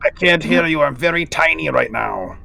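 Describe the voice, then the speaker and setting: A man's voice: on the high side, lively intonation, moderate pace, gravelly, a crowd in the background. A man playing a frail, nervous vampire in a tabletop game, weary, hesitant and plaintive. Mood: weary, timid.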